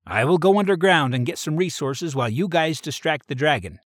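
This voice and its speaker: A man's voice: a little high, expressive, brisk, no echo, natural voice. Brief: man reading as a practical inventor god, matter-of-fact, dry close sound. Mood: explaining. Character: inventive male smith god.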